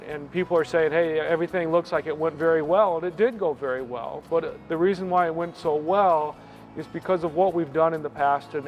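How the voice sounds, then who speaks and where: A man, a fire incident commander, talking through an after-action debrief in explanatory trade jargon. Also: on the high side. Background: faint music.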